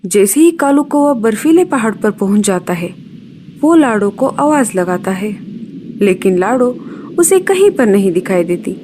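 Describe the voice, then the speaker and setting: A woman narrating a scripted cartoon story in an expressive storytelling manner. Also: mid-range voice, normal speed, background noise.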